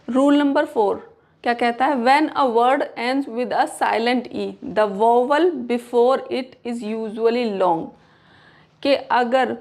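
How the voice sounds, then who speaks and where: A woman teaching English pronunciation in a Hindi-English lesson, reading each rule slowly and repeating example words. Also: on the high side, vocal fry.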